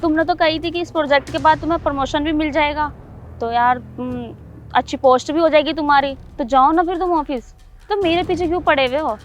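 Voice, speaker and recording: A woman's voice: high voice, steady tone, fairly quick. A woman acting a defiant, argumentative wife in a scripted drama. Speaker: scheming wife in a short drama. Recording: faint background music.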